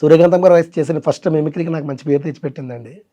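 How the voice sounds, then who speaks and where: A man's voice: on the high side, very fast, warm tone, highs cut off. A man who works as a mimicry artist and singer, eagerly telling his story in a casual interview.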